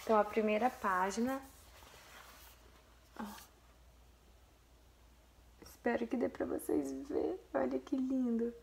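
A woman's voice: a little high, fairly even intonation, unhurried, gravelly, long pauses, slight background noise. A young Brazilian woman vlogging casually, gushing as she shows viewers a photo album and talks to them directly. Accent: Brazilian Portuguese. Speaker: vlogger, mother.

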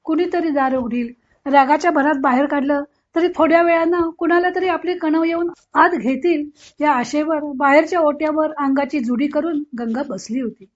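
A woman narrating a novel as an audiobook, in a measured, expressive reading. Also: sits high. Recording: dull lo-fi recording.

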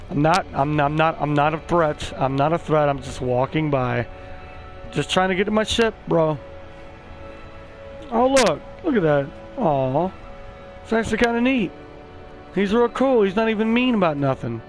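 A man giving casual let's-play commentary, excitable and swearing, chatting to the creatures on screen. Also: a little high, measured pace, pauses often, soft background music, rough recording. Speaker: gameplay streamer.

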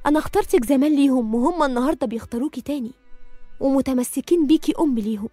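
A woman's voice: high voice, racing, warm tone, dry recording, faint music behind, lightly acted. Woman voicing a tearful Egyptian father. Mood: moved. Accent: Egyptian Arabic. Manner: emotional. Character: tearful middle-aged father.

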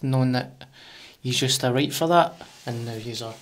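A man's voice: mid-range voice, moderate pace, a little hiss or hum. A man with a broad Glaswegian Scots accent, hosting in matey, slangy casual chat close on a studio mic. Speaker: podcast host. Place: small podcast studio. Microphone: close studio condenser on arm.

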